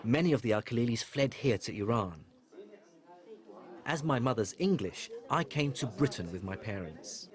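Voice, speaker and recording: A middle-aged man from Iraq, presenting a documentary in a measured, storytelling narration. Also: mid-range voice, animated, crowd noise. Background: music.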